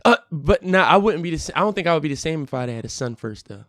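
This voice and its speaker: A young man talking earnestly as a podcast guest, with a voice a touch higher than most men's. He tells his stories with feeling and acts out his own quoted words. The sound is dry and close, with no room echo. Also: quick pace. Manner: earnest, animated storytelling with acted quotes. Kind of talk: casual conversation.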